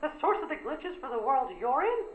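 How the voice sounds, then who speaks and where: A man voicing a small, kindly cartoon mouse in a video game, in a squeaky falsetto with a folksy, earnest manner. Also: very animated, brisk, reverberant, phone-quality sound. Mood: concerned, encouraging. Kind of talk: animated video game voice acting. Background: game music.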